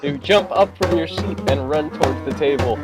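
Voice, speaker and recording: A man with a fairly high voice reads an AI-written adventure aloud in a playful way. Loud music plays behind him. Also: moderate pace. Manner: playful, breaks into laughter. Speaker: player narrating. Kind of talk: reading an AI text adventure aloud.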